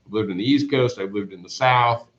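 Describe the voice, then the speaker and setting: His voice is fairly low yet fairly bright, and he speaks briskly. A middle-aged Canadian math teacher, he rambles chattily and self-deprecatingly to his class in a whiteboard classroom, caught by a camera across the room in a roomy, dull recording.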